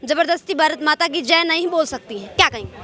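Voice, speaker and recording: A woman reporter with a very high, bright voice puts pointed questions to people on a city street. Her questions are probing and direct. The interview is done outdoors. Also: animated, fairly quick.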